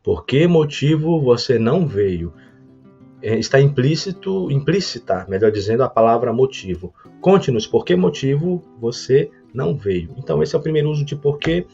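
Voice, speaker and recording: A Brazilian man with a Brazilian Portuguese accent teaches a recorded grammar lesson, explaining slowly with lots of hesitation, fillers and restarts, and reading example sentences at an unhurried pace. His medium-pitched voice is creaky and dark, with big pitch swings. The lo-fi audio sounds dull, with faint guitar music underneath.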